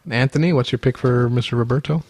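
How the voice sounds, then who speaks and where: A man's voice: mid-range voice, fairly even intonation, fast, darkish tone, no echo. A man hosting a film podcast in casual chat, laid-back and laughing often. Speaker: podcast host.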